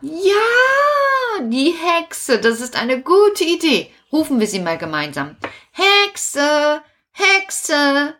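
A woman's voice: high voice, very animated, slow pace, a bit bright, voice pushed up, heavily acted. Male puppet jester, woman voicing, children's show, chatty, talks to the audience. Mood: rallying. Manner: addressing the audience of children directly.

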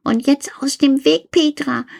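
A woman's voice: high-pitched, fairly even intonation, a little slow, creaky, a little mellow, pitched above the performer's own voice. A woman voicing a cheeky little male creature who scoffs and bosses in a raised voice, in a spoken children's story. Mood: bossy.

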